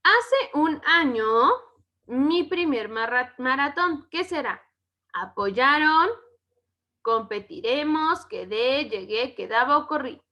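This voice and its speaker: A woman's voice: sits high, animated, bright, forceful tone. A woman with a Mexican Spanish accent teaching a grammar lesson to schoolchildren, often checking in with "¿ok?". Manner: slow, checks in with "¿ok?".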